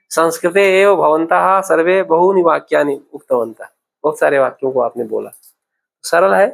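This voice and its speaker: A man's voice: fairly high pitch, vocal fry. A man teaching Sanskrit grammar in a classroom, patiently repeating words and checking that students follow. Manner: patient, repeats words slowly, asks "okay?" often. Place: classroom at a temple centre.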